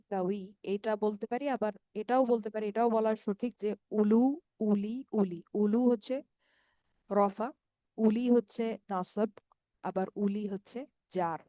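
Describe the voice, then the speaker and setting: A woman with a Bangladeshi Bengali accent leads an online grammar lesson at a patient, stepwise pace. Her voice is mellow and warm. The sound is dry and close, with no room around it. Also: mid-range voice, no room sound. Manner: patient, explains step by step, checks understanding. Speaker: Arabic grammar teacher.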